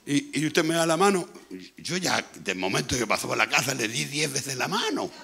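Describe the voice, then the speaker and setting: A man with a Chilean accent preaching a sermon as pastor, with a hoarse, gravelly voice, talking loudly and repeating himself as he goes. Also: mid-range voice, very animated, normal speed. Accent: Chilean Spanish. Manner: speaks loudly, conversational preaching with frequent repetition. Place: church.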